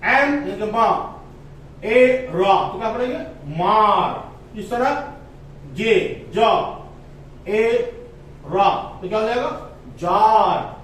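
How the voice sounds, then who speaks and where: A man with a very high voice teaches a phonics lesson, drawing out each letter and vowel slowly. He sounds set back from the microphone in a strongly echoing room, with faint ambient noise behind him. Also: a bit bright, far from the mic. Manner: slow, drawn-out spelling of letters and words, stressing vowel sounds.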